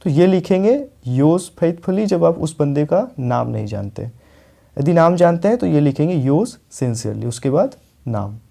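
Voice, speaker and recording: A man's voice: a little high, big pitch swings, unhurried, vocal fry, mellow. A young man with an Indian accent teaching a spoken English lesson, explaining step by step and often checking with "ठीक है".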